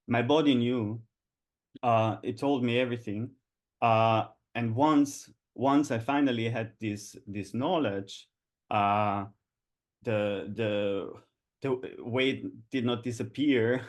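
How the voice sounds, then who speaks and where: A man in his thirties from Austria, telling a personal story slowly and haltingly, with many pauses and restarts, over an online call. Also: medium pitch. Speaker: photographer, guest. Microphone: online video call.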